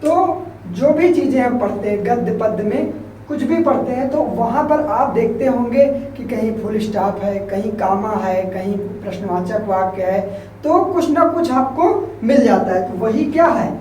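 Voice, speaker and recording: A man teaching a Hindi grammar class, asking questions and answering them himself, repeating key terms slowly as he writes. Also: very high voice, animated, a little mellow. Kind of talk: classroom lecture explaining at a board. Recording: very echoey room, mic far off, faint background hiss.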